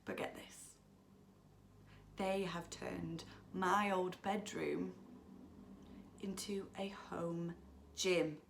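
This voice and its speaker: A woman's voice: fairly low pitch, fairly even intonation, drawn-out words, vocal fry, long pauses, a little hiss or hum, full character voice. An actress playing a chatty, self-absorbed young woman who has just left home, talking a theatrical monologue with dramatic swings. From England. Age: young adult. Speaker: actor in a monologue.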